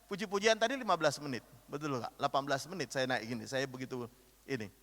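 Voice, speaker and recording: A man preaching a sermon, animated, acting out quotes and asking the congregation questions. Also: medium pitch, fast talker. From Indonesia. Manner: lively, animated preaching with acted-out quotes and call-and-response questions. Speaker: pastor. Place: large church hall. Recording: reverberant church hall.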